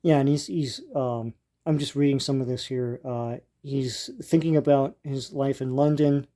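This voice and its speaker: An older man hosts a casual show-and-tell, leafing through vintage comic strips and talking through what he shows. His voice is dark and relaxed at a middling pitch, and his delivery is halting and informal, as if he is thinking aloud.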